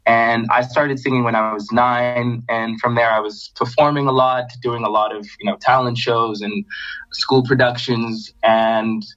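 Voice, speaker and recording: A young man from Zambia, raised in Botswana, guesting on a podcast and telling his story in a relaxed, casual way with lots of "um" and "you know". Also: medium pitch, measured pace. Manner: relaxed storytelling with many fillers. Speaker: guest singer-songwriter. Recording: slightly dull lo-fi podcast audio.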